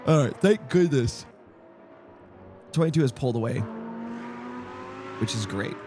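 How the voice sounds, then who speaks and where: A man's voice: medium pitch, expressive, a little slow, noisy background. A young man rambling through casual live-stream commentary on a sim race, jokey and easily distracted. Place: home streaming setup.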